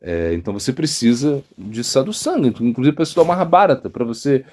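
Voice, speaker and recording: A man with a Brazilian Portuguese accent, a monk giving an informal devotional talk, halting often with fillers and tag questions. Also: medium pitch, lively intonation, a little mellow. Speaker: monk teaching a devotional lecture.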